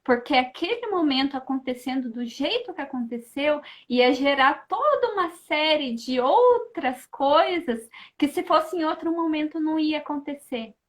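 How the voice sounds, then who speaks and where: A woman's voice: high voice, normal speed, few pauses. A woman, a guest in a casual chat, telling a personal story animatedly and often tagging her sentences with questions. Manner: animated, keeps adding questioning tags; acts out her own past thoughts in lively asides.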